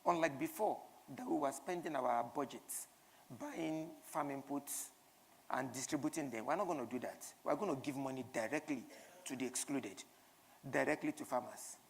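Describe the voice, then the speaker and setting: Woman, Nigerian accent, low pitch, keynote speaker, in front of an audience, emphatic repetition. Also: moderate pace, creaky, in a large hall, a little hiss or hum. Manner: emphatic, rhetorical questions and repetition. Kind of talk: conference keynote speech.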